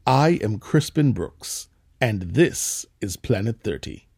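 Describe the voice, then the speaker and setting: A man hosting an interview show, first narrating an intro, then asking questions in a lively way with frequent restarts. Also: on the low side, takes it slowly, vocal fry. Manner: lively, repeats words and restarts often as he asks questions. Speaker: show host.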